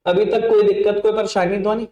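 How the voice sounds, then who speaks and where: A man teaching accounting, in a playful, teasing voice that sits high for a man. He talks straight to his students and scolds them in jest. The sound carries a noticeable echo from the room. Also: fairly even intonation, fast, dark tone, highs cut off. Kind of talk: online class lecture.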